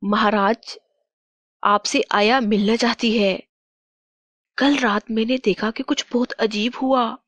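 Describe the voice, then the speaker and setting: Woman playing an anxious cartoon nanny, high and slow. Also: fairly even intonation, a bit bright, dry recording. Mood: worried. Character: worried female palace nanny.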